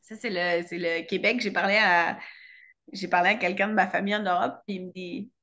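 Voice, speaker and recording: A woman host with a French accent from France chats casually in an interview. Her voice is bright and forward at a middle pitch. She talks playfully and pokes fun at herself. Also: fairly even intonation, fairly quick, highs cut off. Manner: chatty, playful, self-mocking.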